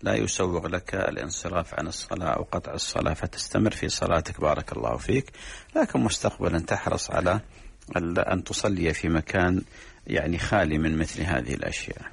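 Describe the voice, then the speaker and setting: A man, a sheikh, explaining religious rulings in a measured, teaching way on a radio program. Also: low-pitched, vocal fry, breathy edge. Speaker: sheikh answering religious questions.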